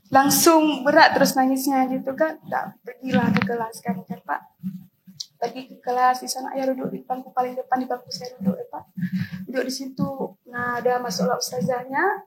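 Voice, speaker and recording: A woman's voice: high-pitched, little pitch movement, moderate pace, slight background noise, low-quality recording. A teenage girl, telling an emotional personal story to an interviewer in earnest, tearful tones. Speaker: interviewee, student.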